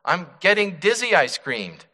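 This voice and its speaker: A man voicing a suffering clay teacup that pleads and cries out in high, strained bursts. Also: very animated, a little slow, bright, forceful tone, big-room sound, heavily acted. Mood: pleading, anguished.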